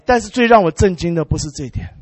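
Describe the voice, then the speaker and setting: A male preacher with a notably high voice tells a story to his congregation, bursting into hallelujah and amen. He talks in an animated way and mixes in English words. The recording is dry and close, with no room sound. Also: fast, no room sound. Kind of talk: sermon storytelling.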